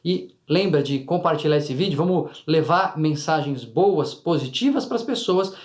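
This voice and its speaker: A man with a fairly high voice explains emotions to his viewers in a lively, chatty way. He often slips into short acted bits of inner dialogue. The room around him sounds roomy and echoey. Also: unhurried. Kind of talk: casual explanatory video talk to viewers.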